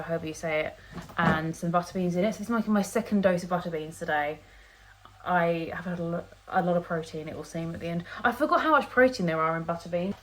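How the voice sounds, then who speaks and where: A woman's voice: on the low side, a little hiss or hum. A woman in her twenties chatting casually to camera for her vlog, rambling and correcting herself as she goes. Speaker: vlogger. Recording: dull lo-fi phone audio.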